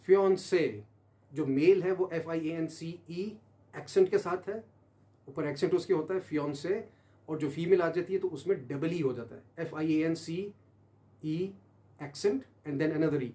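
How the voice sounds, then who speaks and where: A man gives a pronunciation lesson, spelling words out slowly and repeating them for the listener. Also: fairly high pitch, dark tone. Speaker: teacher.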